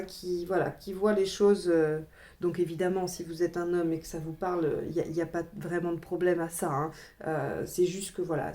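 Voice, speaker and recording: A woman's voice: on the low side, dark tone. A woman giving a casual tarot reading, talking straight to her viewers with frequent little asides. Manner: chatty, addresses viewers directly, frequent "hein" asides. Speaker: tarot reader.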